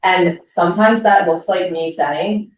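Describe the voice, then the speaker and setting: Candid woman speaking with a low voice in an echoey hall. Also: a little slow, a little hiss or hum. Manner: candid and self-deprecating, with many likes. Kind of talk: parent talk. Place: school meeting room. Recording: echoey room, voice from far off.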